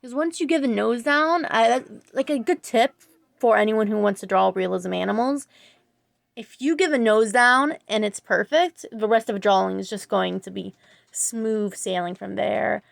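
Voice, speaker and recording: A woman's voice: mid-range voice, moderate pace, creaky, no room sound. A woman talking casually over her drawing video, rambling and hesitant, full of fillers and self-corrections. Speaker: art channel creator, student.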